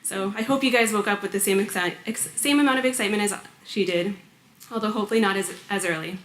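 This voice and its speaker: A woman's voice: medium pitch, quick pace, a little hiss or hum. A woman from Canada, a graduate student, giving a prepared and lightly humorous speech at an orientation. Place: large hall before hundreds of students. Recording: echoey hall.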